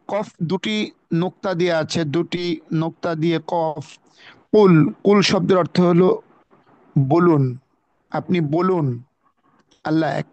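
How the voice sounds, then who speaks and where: Man, high register, patient teacher of a religious lesson on a video call, repeats key points, dry close sound. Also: a little mellow, no echo. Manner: explanatory, repeats key phrases, recites Arabic. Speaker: religious study speaker. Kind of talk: religious lesson on Quran pronunciation.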